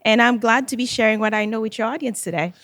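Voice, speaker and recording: A middle-aged woman from Haiti, a real estate advisor and former educator, speaking in a measured, composed way as a podcast guest. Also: a little high, fairly bright tone, dry recording. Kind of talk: conversational podcast interview.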